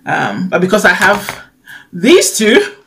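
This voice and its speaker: A woman's voice: medium pitch, huge pitch swings, takes it slowly, fairly bright tone, slight background noise. A young woman with a lisp, as if wearing a retainer, talking casually and a little hesitantly as a beauty vlogger. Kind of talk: casual chat, product review. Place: bedroom, indoors.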